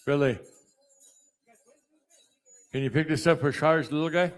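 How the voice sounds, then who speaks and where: A man working as a powwow emcee, calling people up by name in a halting, list-like way. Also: a little high, smooth. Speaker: powwow emcee announcing names.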